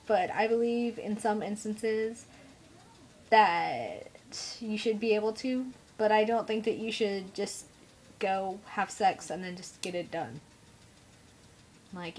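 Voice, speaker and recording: A young woman with a congested, nasal voice, a mother chatting bluntly and with strong opinions in a casual vlog. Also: a little high. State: congested, feeling unwell. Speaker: mother vlogger.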